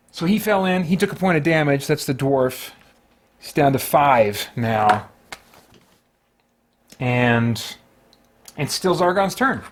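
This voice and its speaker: Playing a tabletop game on his own, this man keeps up a casual play-by-play and reasons aloud through rules and decisions. His pitch is fairly high, and there's a slight hiss or hum in the recording.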